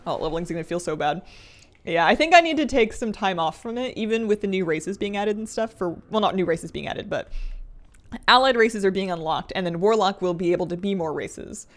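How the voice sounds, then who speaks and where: Animated and brisk, this mid-range female voice belongs to a gaming livestreamer. She keeps up playful, casual chat with viewers and thinks out loud as the game goes on.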